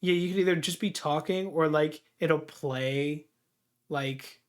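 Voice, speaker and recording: A young man with a slightly high voice talks in a loose, laid-back way, filling his speech with "like" and "dude." He grumbles his opinions in easy conversation with a friend on a livestream. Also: unhurried. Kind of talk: casual chat.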